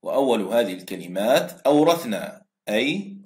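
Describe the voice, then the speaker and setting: A man teaching a recorded Quran recitation lesson, drawing out example words slowly for students to repeat and praising answers. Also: mid-range voice, big pitch swings, darkish tone, roomy sound.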